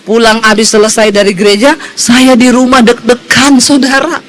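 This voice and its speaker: A middle-aged woman pastor preaching a sermon, telling stories in a lively, emphatic way. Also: on the high side, normal speed, rough recording.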